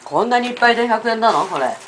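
A woman's voice: a little high, lively intonation, racing. A woman, the mother, chatting casually at home and exclaiming over the fish, recorded on a handheld camera. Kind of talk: casual family chat. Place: home room, indoors. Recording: noisy home video.

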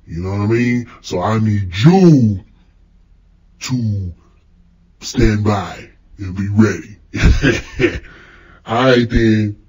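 A man's voice: lowish voice, drawn-out words, pauses often, darkish tone, slightly rough, exaggerated voice, poor audio. A man playing a slangy, teasing male Illuminati caller who leaves voicemail messages in a comedy sketch. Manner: casual slangy street talk, teasing.

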